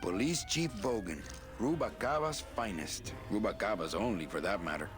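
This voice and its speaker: An actor playing a suave, world-weary nightclub boss and video game hero, full of wry, dry asides. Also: male voice, lowish voice, expressive, moderate pace, close to an everyday voice. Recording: game music behind the voice.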